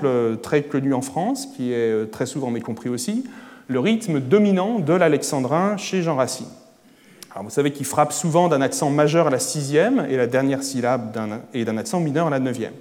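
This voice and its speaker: A man giving an academic lecture at a conference, erudite and hesitant, often pausing on filler sounds. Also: a little high, darkish tone, big-room sound. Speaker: conference speaker. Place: conference hall.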